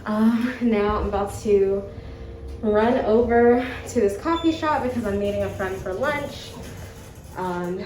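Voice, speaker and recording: A woman's voice: medium pitch, noisy background. A young woman, a mobile massage therapist, chatting upbeat to viewers in a casual vlog and calling them y'all. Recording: distant mic with background music.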